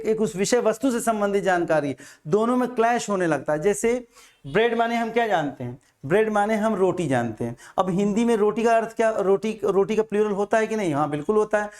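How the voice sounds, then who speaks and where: A man's voice: high voice, darkish tone. A man teaching an exam-prep grammar lecture, patient and repetitive, asking and answering his own questions.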